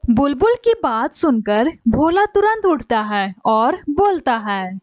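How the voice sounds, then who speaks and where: A woman's voice: high voice, big pitch swings, slow, no echo, highs cut off. A woman narrating a cartoon story in a plain, explanatory manner.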